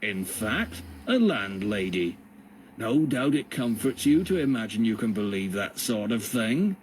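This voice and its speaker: A man's voice: mid-range voice, very animated, slight background noise. A man playing a sneering, pompous jailer. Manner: slow, sneering, lecturing. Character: sneering, pompous male jailer, cold and condescending.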